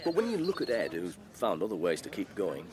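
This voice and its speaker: A man playing a kindly, encouraging village vicar in a naturalistic radio soap, with a gentle, reassuring manner. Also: low-pitched, huge pitch swings, fairly quick, crowd noise. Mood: sympathetic.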